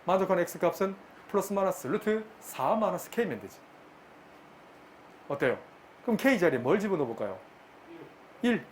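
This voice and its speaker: A middle-aged man lecturing a math class, brisk and bantering, often repeating his questions to the students. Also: high-pitched, expressive, slight background noise. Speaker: math teacher.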